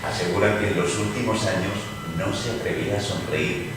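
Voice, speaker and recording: A man's voice: low-pitched, fairly even intonation, fairly quick, over a noisy crowd, natural voice. A man playing a caustic, mocking English poet lord in a dramatized reading, with ornate, insinuating delivery. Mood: sardonic. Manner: wry, insinuating, ornate oratory. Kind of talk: dramatized radio theatre reading. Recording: distant, very echoey noisy room.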